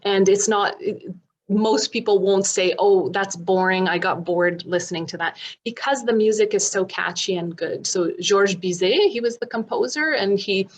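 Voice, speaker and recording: Speaking at medium pitch and normal speed, a woman born in Poland explains things chattily during an informal online presentation and Q&A. She's a singer and vocal coach, appearing in an online video meeting.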